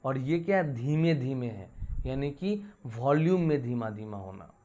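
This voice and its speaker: A man teaching English grammar in a slow, measured way, his voice dark and mellow. He explains each word in Hindi and reads English example sentences out slowly and deliberately, often pausing to check that the class is following. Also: medium pitch, animated, muffled recording. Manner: frequent checks like "ठीक है" and "है ना". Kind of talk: bilingual grammar lesson.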